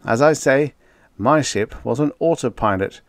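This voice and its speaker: A man voicing a calm but insistent male fighter pilot. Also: mid-range voice, measured pace, no room sound, clean studio sound, voice pushed up, natural voice. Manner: earnest, insistent.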